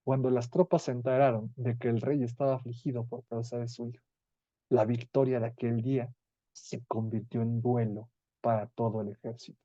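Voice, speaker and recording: Mellow-voiced Mexican Bible teacher. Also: medium pitch, flat delivery, moderate pace, dry recording, dull audio. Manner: earnest, explanatory, with small restarts.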